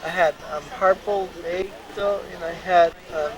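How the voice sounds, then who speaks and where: A man's voice: high voice, fairly even intonation, normal speed, slight background noise, low-quality recording. A man in his twenties talking on a home video at an outdoor picnic, rambling as he repeats the same date sums over and over. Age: 20s. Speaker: picnic guest. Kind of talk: casual home-video chat. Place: outdoor picnic in a canyon park. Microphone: home video camera. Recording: home camcorder outdoors, loud crowd. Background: loud crowd of picnickers.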